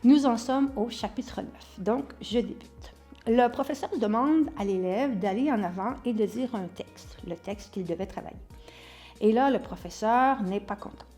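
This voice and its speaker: A woman's voice: a little high, moderate pace, warm tone, soft background music. A woman with a Québécois French accent giving an online acting lesson, explaining and demonstrating word stress by example. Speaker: acting teacher.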